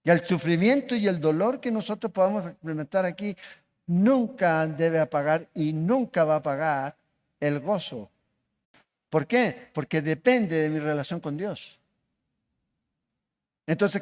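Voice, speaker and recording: A man preaching a sermon as pastor, asking the congregation questions as he goes. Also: high voice. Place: church hall. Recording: long reverb of a church hall.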